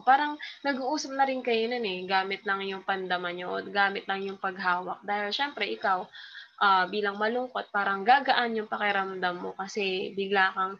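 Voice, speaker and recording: A woman's voice: mid-range voice, vocal fry. A woman teacher explaining a lesson in a recorded online lecture, patient and chatty, with many fillers and tag questions. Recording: slightly dull lo-fi sound.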